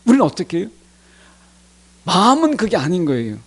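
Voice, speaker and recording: Middle-aged man, pastor, sermon delivery; breathy voice that swoops all over the place. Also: high voice, huge pitch swings, brisk. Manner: addresses the congregation directly, acting out complaints to God in quotes.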